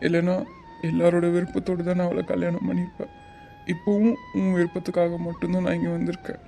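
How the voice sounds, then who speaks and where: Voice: medium pitch, level tone, fast talker, creaky, mellow, soft background music, natural voice. A performer voicing Arjun, a young man who talks in an earnest, reassuring way, for a cartoon. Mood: pleading. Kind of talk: cartoon voice acting.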